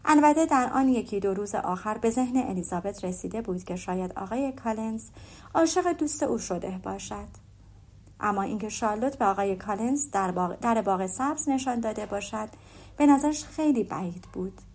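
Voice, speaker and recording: A woman reading a novel aloud as an audiobook narrator, in even, measured storytelling. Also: medium pitch.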